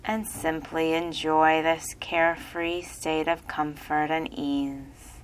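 A woman reading a guided relaxation hypnosis script in a slow, soothing, repetitive way. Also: sits low, fairly even intonation, slight background noise, poor audio.

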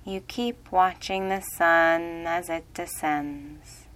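Brief: woman, guided relaxation voice, deep-toned, hushed and calm. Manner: slow, soothing, hushed. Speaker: meditation guide.

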